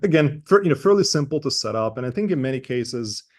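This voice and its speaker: A man's voice: mid-range voice, lively intonation, quick pace. A man with an Eastern European accent presenting an informal explanatory webinar, speaking hesitantly and often checking in with "right?".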